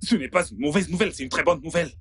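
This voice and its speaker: A stammering, pleading broke boyfriend. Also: male voice, on the high side, very fast, a bit bright, husky. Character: broke young man pretending to be rich, pleading boyfriend. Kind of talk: French dub of a film.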